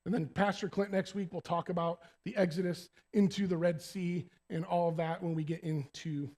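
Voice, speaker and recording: Male preacher, high voice, animated and conversational, church sermon. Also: normal speed. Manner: animated, talks to the congregation directly.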